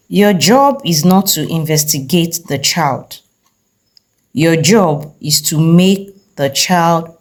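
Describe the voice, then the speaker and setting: An unhurried child safety educator speaks to camera at a slow, careful pace. The delivery is earnest and measured, with deliberate pauses between short phrases. Each point is numbered and driven home. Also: mid-range voice. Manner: rhetorical, counts through numbered points.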